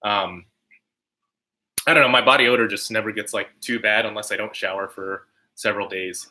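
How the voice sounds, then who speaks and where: A man chatting casually on a livestream as host, halting and slightly nasal with congestion from a lingering cold. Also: lowish voice, steady tone, sharp tone. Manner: frequent throat clearing, halting. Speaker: channel host livestreaming to viewers. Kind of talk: casual livestream chat, answering comments.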